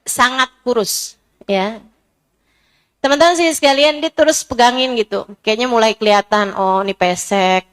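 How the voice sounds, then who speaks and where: A middle-aged woman preacher giving a sermon through a personal story, her voice moving from soft and low to high and emotional. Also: clean tone.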